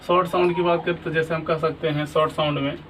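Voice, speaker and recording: A man's voice: a little high, little pitch movement, fast, a bit bright, distant mic, slight background noise, rough recording. A man teaching an English lesson, asking questions and answering them himself, often checking that students follow. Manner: repeats "ठीक है ना?" often. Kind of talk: classroom lesson.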